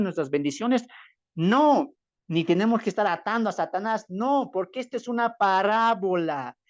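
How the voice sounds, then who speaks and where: A man from Bolivia gives an emphatic, preaching-style Bible lesson over a video call. He keeps firing rhetorical questions at his listeners and answers them himself. The audio is dull and lo-fi, with a dry sound and no room echo. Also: sits high. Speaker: Bible teacher.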